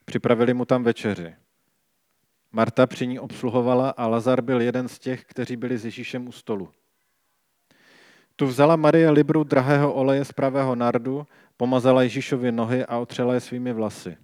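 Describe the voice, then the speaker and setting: A man gives a calm, measured reading of scripture and then reflects on it like a preacher. His voice sits at an ordinary pitch. The sound is dry and close, with no room echo.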